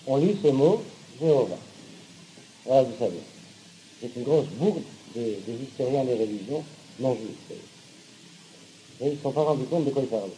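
A man's voice: medium pitch, mellow, a little hiss or hum, poor audio. A man teaching a class, often checking that listeners follow, hesitant with fillers and blunt, sarcastic asides. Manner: hesitant, with fillers and repeated words. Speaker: teacher of Hebrew and Torah. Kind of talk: classroom lecture.

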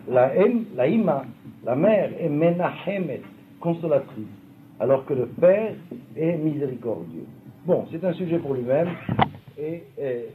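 A man teaching a Talmud class with a fairly high, very lively voice that rises and falls a lot. He explains step by step and keeps checking that the class follows. The sound is tinny and lo-fi, with faint noise.

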